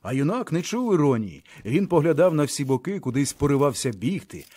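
Husky male audiobook narrator. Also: on the high side, big pitch swings, brisk, warm tone, dry recording.

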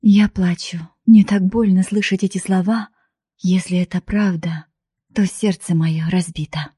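A woman narrates an emotional first-person audiobook in a heartfelt, pleading way. Her voice is somewhat low, dark and husky, recorded dry and close. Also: fairly even intonation, a little slow, no echo. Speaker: audiobook reader.

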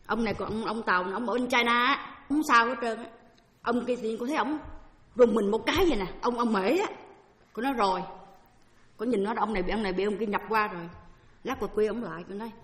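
A woman's voice: on the high side, fast, fairly bright tone. A woman with a Southern Vietnamese accent, a Buddhist nun giving a dharma talk in a chatty storytelling way, acting out what others said and slipping in English phrases. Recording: echoey hall with long reverb.

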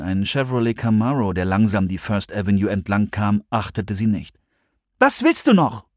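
A man narrating an audiobook in expressive, scripted storytelling. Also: lowish voice, dry recording, studio quality.

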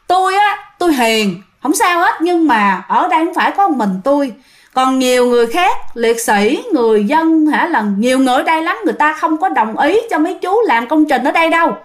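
A woman doing an old ghost man, stern and scolding, high and lively. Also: brisk. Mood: reproachful. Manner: scolding, insistent warnings. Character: stern old male ghost warning workers.

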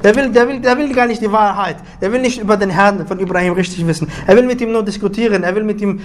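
A man delivers a Friday sermon as lively storytelling. His voice sits high for a man, and he keeps circling back, repeating and restarting phrases. Arabic devotional words punctuate his speech, with a faint hiss behind him. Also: fast talker. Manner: weaves Arabic religious phrases into German speech. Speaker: preacher.

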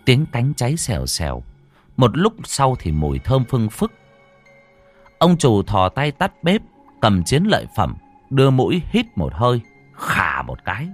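A man's voice: mid-range voice, unhurried, soft background music. A man narrating a horror story, acting out every character. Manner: animated, voices all characters.

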